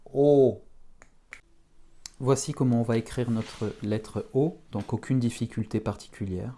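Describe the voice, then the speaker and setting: A man teaching beginners to write letters, talking them slowly through each stroke. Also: medium pitch, fairly even intonation, dark tone, slight background noise. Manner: slow, step-by-step instruction. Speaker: Russian teacher. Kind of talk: handwriting lesson for beginners.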